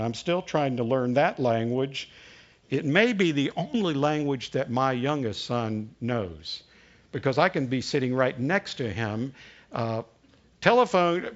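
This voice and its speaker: A Southern pastor in his sixties delivers a sermon in a medium-pitched voice, captured in a muffled recording. He leans on folksy storytelling, peppered with frequent uh fillers.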